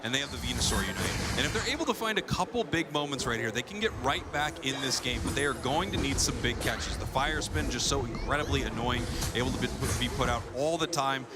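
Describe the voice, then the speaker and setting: Emphatic male esports caster over loud music. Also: mid-range voice, lively intonation, quick pace, few pauses. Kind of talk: esports analysis and commentary.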